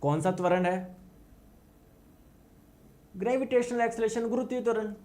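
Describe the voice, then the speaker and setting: High-voiced man teaching a physics class. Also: normal speed. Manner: energetic, repeats words for emphasis, asks students yes-or-no questions.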